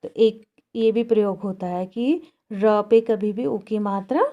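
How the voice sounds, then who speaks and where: A woman's voice: medium pitch, unhurried. A woman teacher giving a grammar lesson to children, speaking patiently and repeating each word for the pupils. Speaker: school teacher. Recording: dull, lo-fi classroom recording.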